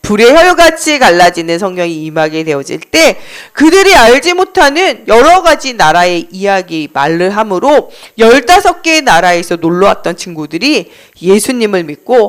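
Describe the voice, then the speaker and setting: A woman giving a children's sermon in church, telling the story in a sing-song way, questioning the children and loudly chanting the lines she wants them to repeat. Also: mid-range voice, sing-song, moderate pace, hardly any pauses. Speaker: children's Sunday school teacher. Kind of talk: children's sermon with call-and-response. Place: church service.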